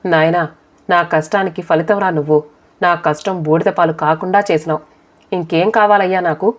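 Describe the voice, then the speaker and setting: A woman voicing an older village mother who is hardworking and proud, speaking with deep feeling in a read-aloud story. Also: fairly even intonation, moderate pace, close to an everyday voice. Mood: proud, joyful. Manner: emotional, pleading.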